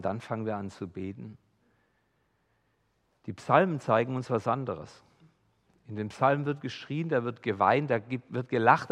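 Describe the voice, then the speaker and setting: German pastor preaching in a hall. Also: male voice, medium pitch. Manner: dynamic preaching, swings between hushed and loud. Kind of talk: sermon.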